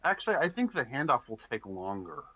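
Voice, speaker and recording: A man's voice: mid-range voice, big pitch swings, fairly quick, no room sound. A man chatting casually on a gaming stream in a rambling, laid-back way, with lots of "like". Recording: dull lo-fi stream audio.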